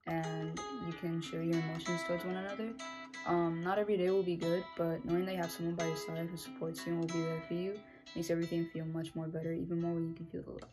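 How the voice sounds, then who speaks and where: Quick, monotone young woman. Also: lowish voice. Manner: quick and very flat delivery. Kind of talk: personal testimony in a video. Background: guitar music.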